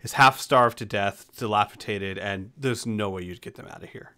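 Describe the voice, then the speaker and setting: A man's voice: on the low side, moderate pace, sharp tone. A man acting as game master, narrating a tabletop game and chatting casually with the players.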